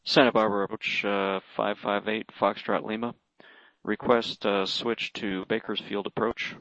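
A man speaking as a pilot making aviation radio calls to air traffic control, with halting, hesitant phrasing. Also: fairly low pitch, little pitch movement, vocal fry, fairly bright tone, no echo. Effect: aviation radio transmission. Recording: dull, narrow radio-band sound.

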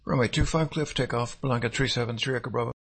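A man's voice: mid-range voice, fairly even intonation, fast talker, gravelly, a bit bright, breathy edge. A man speaking as a pilot, giving terse, procedural radio read-backs to air traffic control.

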